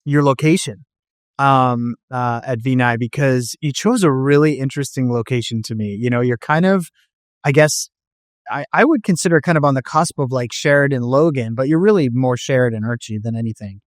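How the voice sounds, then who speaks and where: A male podcast host asks his questions in a relaxed, rambling way, peppered with "like" and "um." His voice is mid-pitched. The sound is close and dry. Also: a little fast, no room sound. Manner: conversational, many "like" and "um" fillers. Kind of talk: casual interview talk.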